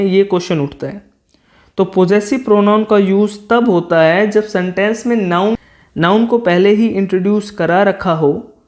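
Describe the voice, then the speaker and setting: A teacher giving an exam-prep English grammar lesson in Hindi, slowing down to read out English word pairs and example sentences, recorded as a close-mic voice-over. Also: medium pitch, darkish tone.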